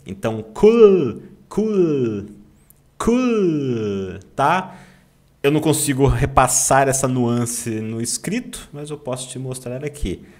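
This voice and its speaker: A Brazilian man teaching German online, who draws out German words slowly to model the pronunciation and keeps asking "tá?" to check that students follow. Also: medium pitch. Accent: Brazilian Portuguese. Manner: slow, drawn-out demonstration of German words, frequent "tá?" check-ins. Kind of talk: online language lesson.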